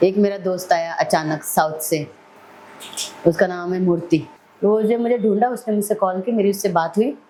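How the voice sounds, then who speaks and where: A woman's voice: medium pitch, fairly even intonation, normal speed, dark tone, a little hiss or hum, low-quality recording. A middle-aged woman, a podcast guest telling her life story vividly. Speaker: celebrity hair stylist, podcast guest. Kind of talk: personal storytelling in an interview.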